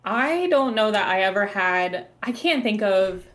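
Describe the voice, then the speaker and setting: A woman guesting on a podcast, chatting in a relaxed way and pausing often to search for words. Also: mid-range voice. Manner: relaxed, halting with fillers. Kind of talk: casual chat.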